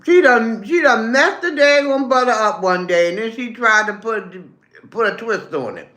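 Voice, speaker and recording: High, lively woman chatting over lunch. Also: moderate pace, reverberant. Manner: chatty, calls viewers baby and honey; talks while chewing, hums over food. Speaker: livestream host. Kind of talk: casual live chat while eating lunch.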